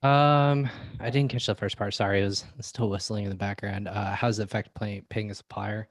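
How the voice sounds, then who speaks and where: Low-voiced man explaining, dry close sound. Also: fairly even intonation, brisk, no echo. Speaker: expert guest on supplier payments. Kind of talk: casual explanation in online Q&A.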